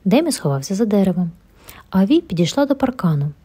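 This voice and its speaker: A woman reading a children's bedtime story aloud in a gentle, expressive way, with a breathy voice. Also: medium pitch, quick pace.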